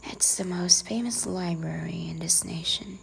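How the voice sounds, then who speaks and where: A woman in a whispered role-play, playing a strict, teasing librarian who quietly scolds a careless visitor. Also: lowish voice, unhurried, creaky, slight background noise, rough recording. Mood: hushed, teasing menace.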